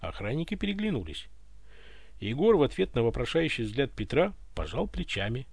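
Male storyteller, lively pitch, dry close recording. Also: normal speed, creaky, husky, no echo. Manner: expressive storytelling. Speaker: narrator. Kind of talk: audiobook narration.

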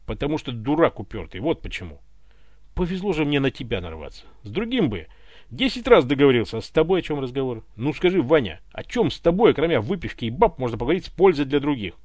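Sneering smuggler, as a man reads him, cocky, mocking, lively swings in pitch, dry close sound. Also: fast, dry recording. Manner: sneering, taunting.

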